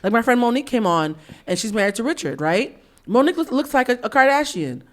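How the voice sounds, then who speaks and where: A woman in her thirties from the US East Coast, hosting a candid podcast conversation, blunt and animated, acting out quotes. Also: fairly high pitch, fast talker. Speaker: podcast host.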